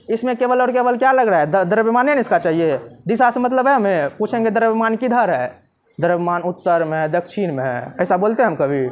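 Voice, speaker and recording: A male physics teacher, giving a classroom lecture and often asking the students if they have understood. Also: high-pitched. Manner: repeats questions to students, casual teasing checks.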